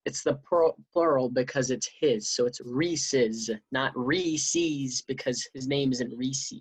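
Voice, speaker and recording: A man's voice: mid-range voice, moderate pace, husky. A man on a casual podcast who argues his points stubbornly with his friends. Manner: stubborn, argumentative banter.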